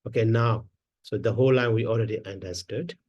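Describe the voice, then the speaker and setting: A man teaching Pali grammar in a slow lesson, counting syllables aloud one at a time with many pauses and fillers. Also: on the low side, a little mellow, no room sound, dull audio.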